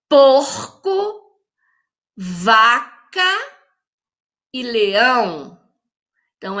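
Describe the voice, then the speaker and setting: Slow, bright-voiced woman teacher. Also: fairly high pitch. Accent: Brazilian Portuguese. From Brazil. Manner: slow, drawn-out syllables when saying example words; addresses young pupils directly, friendly teacher tone. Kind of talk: recorded classroom lesson for children.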